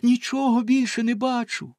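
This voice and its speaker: A man doing a high anxious young sister. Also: little pitch movement, normal speed, darkish tone, no room sound, clean studio sound. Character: anxious young woman watching from a tower.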